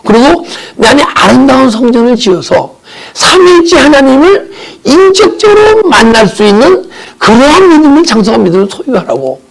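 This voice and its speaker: Brief: high, lively, gravelly male preacher, impassioned testimony from the pulpit. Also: a little fast. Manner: impassioned, vivid sound words, swings from soft to crying out. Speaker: pastor. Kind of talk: emotional sermon testimony. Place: church sanctuary.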